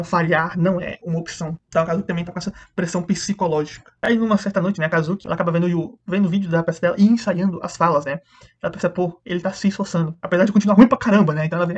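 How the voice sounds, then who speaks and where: A man giving a casual, chatty recap of anime episodes, rapidly retelling the plot and quickly mimicking the characters' lines. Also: sits high. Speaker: anime reviewer.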